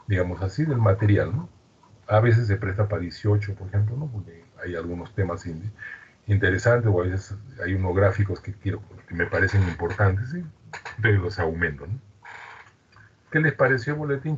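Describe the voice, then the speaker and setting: A man's voice: low-pitched, a little mellow, breathy edge, lo-fi sound. A man with a Peruvian Spanish accent giving an online lecture, chatty and explanatory, often checking in with students. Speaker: university lecturer.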